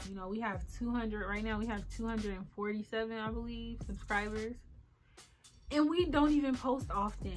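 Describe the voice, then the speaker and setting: A woman of twenty-four, chatting casually and rambling with lots of ums and likes while getting ready on camera. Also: mid-range voice. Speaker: beauty vlogger. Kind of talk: casual get-ready-with-me chat.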